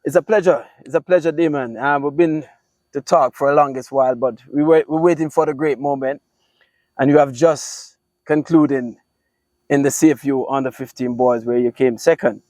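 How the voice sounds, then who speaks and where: A man's voice: mid-range voice, fairly even intonation, normal speed, dry recording, poor audio. A man hosts a casual podcast in a mid-range voice. He asks his questions eagerly and often stumbles and restarts. The recording is close and dry. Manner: warm and encouraging, stumbles over his words. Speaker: podcast host. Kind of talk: casual interview chat.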